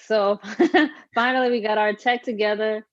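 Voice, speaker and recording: A woman's voice: on the high side, fairly even intonation, normal speed, dry recording, muffled recording. A woman fitness coach hosting a casual live-stream interview, chatty with frequent laughs and fillers. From Haiti.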